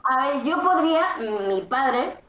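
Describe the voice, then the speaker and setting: A fairly high-pitched woman talks through her points with emphasis and keeps pausing on fillers. She sounds like she is in an echoey room with a faint hiss underneath. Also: lively intonation, a bit bright. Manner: explanatory, emphatic, with frequent fillers. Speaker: interview guest, Swedish teacher. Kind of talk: conversational explanation.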